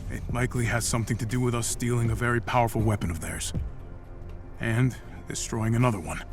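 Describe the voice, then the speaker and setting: A man's voice: medium pitch, steady tone, fairly quick, lightly acted. Man acting Captain America, earnest American hero. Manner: plain-spoken, sincere. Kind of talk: cinematic video game acting. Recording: prominent background music.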